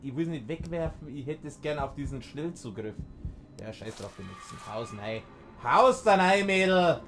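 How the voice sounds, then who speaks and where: A man with a Bavarian accent doing excited, swearing let's play commentary on a horror game, often yelling and yelping. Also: mid-range voice, moderate pace.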